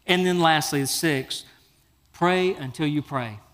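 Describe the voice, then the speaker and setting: Lively preaching man, folksy and animated. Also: fairly high pitch, slow pace. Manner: animated storytelling, acts out biblical figures; folksy, casual phrasing. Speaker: pastor. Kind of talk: sermon.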